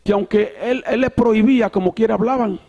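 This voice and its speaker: A man's voice: high-pitched, steady tone, brisk, creaky, mellow, lo-fi sound. A male pastor preaching a sermon, reading scripture aloud, repeating himself and correcting his references as he goes, with an occasional "so" between sentences. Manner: bilingual filler "so" between Spanish sentences.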